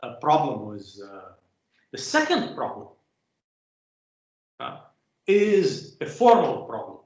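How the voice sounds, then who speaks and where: Halting male lecturer in an echoey room. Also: medium pitch, wildly swooping pitch, a little mellow. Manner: halting, many filler sounds, rhetorical "huh?" checks. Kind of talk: academic lecture.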